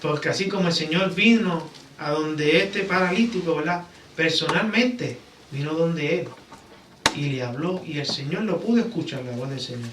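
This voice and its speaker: A man from Puerto Rico with a fairly high pitch preaches at a moderate pace, treating his church-sanctuary sermon like a conversation and often asking rhetorical tag questions to draw agreement. Background noise and a distant mic give the recording a roomy feel.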